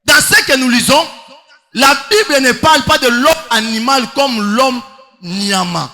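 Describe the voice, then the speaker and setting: A man's voice: very high-pitched, lively intonation, a little slow, sharp tone. A man preaching a sermon, emphatic, with rhetorical questions and sing-song stretches. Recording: long hall reverb.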